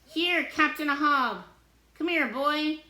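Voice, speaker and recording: A woman's voice: mid-range voice, expressive, normal speed, sharp tone. A woman voicing a cheerful, easygoing old fisherman who laughs easily, in a roomy-sounding recording. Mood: calling out. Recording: roomy echo.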